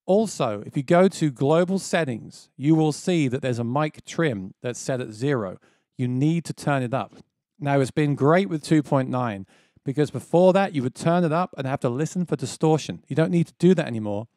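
An expressive man in his thirties speaks at normal speed in a mellow voice, which he calls quite low, while hosting a casual music gear tutorial. He explains step by step with enthusiasm, recorded on a close boom-mounted dynamic mic in a small home studio without echo.

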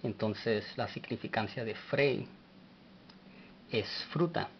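Man, language lesson, very slow deliberate delivery, spelled-out words, muffled lo-fi sound. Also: on the low side, gravelly, slight background noise. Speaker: language teacher.

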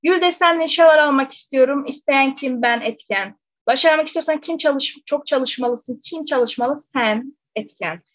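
High-voiced woman teacher solving exam questions. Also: moderate pace, a bit bright, no echo. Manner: explains step by step, asks rhetorical checking questions. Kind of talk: exam question walkthrough lesson. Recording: slightly dull, dry close recording.

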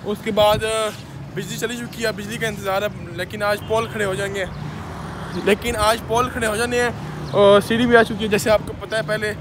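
At a moderate pace and in a level, high-pitched voice, a young Pakistani man explains rooftop construction work in a casual vlog. His accent is Punjabi-influenced Urdu, and the audio comes from a phone camera at arm's length in a noisy outdoor setting.

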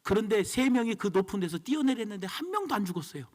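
A man's voice: sits high, big pitch swings, quick pace. A man preaching a sermon as pastor, emphatic and storytelling.

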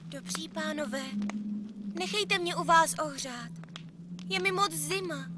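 Woman playing a very high, meek puppet-play girl. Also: natural voice. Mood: pleading. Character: meek, polite young stepdaughter, gentle and obedient. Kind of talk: Czech puppet theatre character voice. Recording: noisy recording of a stage performance.

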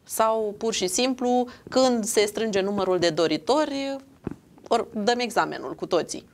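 A woman's voice: mid-range voice, slight background noise. A woman interviewing a guest on television, asking direct questions. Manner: brief affirmations and direct questions.

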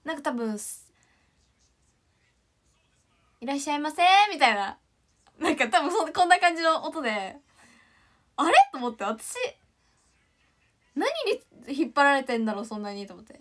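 Her voice still sleepy and strained at the top, a woman in her 20s from Ishikawa, Japan chats casually during a morning livestream. She speaks in an animated way at a moderate pace, thinking aloud, taking long pauses, and letting her words fade softly.

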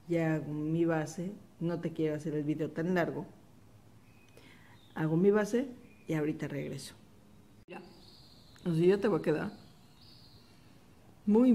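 A woman giving a patient, step-by-step embroidery lesson, calmly repeating each stitch. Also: deep voice. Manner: calm step-by-step instruction, repeats the steps softly. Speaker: embroidery teacher. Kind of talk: slow, patient craft tutorial.

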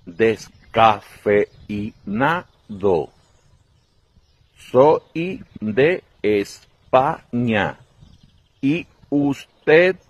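A man voicing a nervous traveler who stretches every word out very slowly. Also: on the low side, expressive, no echo, pitched above the performer's own voice, full character voice. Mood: careful. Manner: drawn-out, exaggeratedly slow words.

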